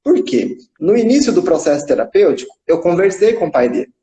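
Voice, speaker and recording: A man's voice: high voice, very animated, brisk, warm tone. Man telling a session story, echoey. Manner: recounts a session, acting out quoted dialogue. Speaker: psychodrama psychologist. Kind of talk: casual storytelling in a live chat. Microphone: phone on a live video stream. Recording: echoey room.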